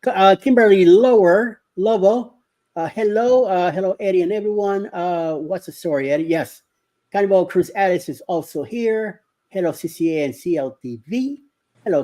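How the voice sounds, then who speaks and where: A man's voice: on the high side, darkish tone. Rambling middle-aged man hosting a live chat. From Miami. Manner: rambling, hesitant with many fillers; greets viewers by name. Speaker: live stream host.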